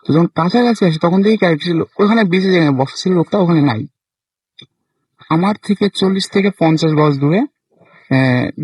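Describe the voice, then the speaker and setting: A young man from Bangladesh shares a spooky personal story with a radio show. His voice sits a little high and husky. The sound is close and dry, and he halts often, restarting his sentences. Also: darkish tone, dry recording, rough recording. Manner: hesitant, many fillers and restarts. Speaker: caller sharing a ghost experience. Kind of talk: casual first-person storytelling.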